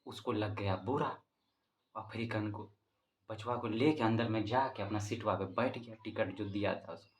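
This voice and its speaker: A man's voice: lowish voice, moderate pace. A man teacher with a Bihari accent tells his class a joke in a playful, casual way and keeps breaking into laughter. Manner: speaks to students directly.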